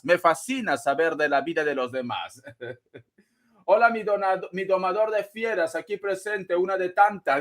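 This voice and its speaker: A man's voice: high voice, fairly bright tone. A man hosting a tarot live stream, reading viewers' donation messages in a playful, campy, teasing way and calling everyone darling. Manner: gossipy and teasing, laughs often.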